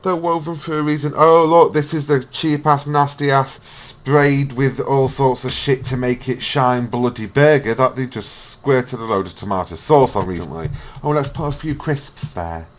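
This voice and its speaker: A man's voice: medium pitch, moderate pace. A man hosting a reaction video, mocking and swearing as he rants. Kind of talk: ranting reaction commentary.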